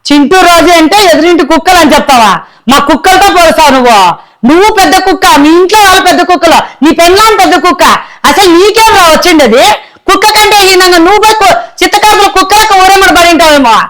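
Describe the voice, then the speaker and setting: A woman playing a loud, quarrelsome wife in a comedy skit, speaking in a rapid scolding tirade. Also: extremely high pitch.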